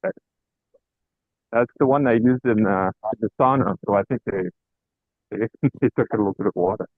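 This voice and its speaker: A man's voice: lowish voice, moderate pace, no echo. A man talks over a group call, and his voice comes through muffled and gurgly, as if he were underwater, because his wired earphones got wet. He chats in an easygoing way, with plenty of fillers and little chuckles. The sound is dull and lo-fi, and the room is bone dry. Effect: muffled, underwater-sounding voice from water-damaged wired earphones. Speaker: participant in an online group call. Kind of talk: casual chat. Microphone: wired earphone headset mic.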